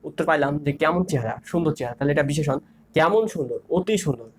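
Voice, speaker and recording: A man's voice: on the high side, animated, quick pace, a crowd in the background. A young man teaching an online grammar lesson, repeating key terms and asking and answering his own questions. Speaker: grammar instructor.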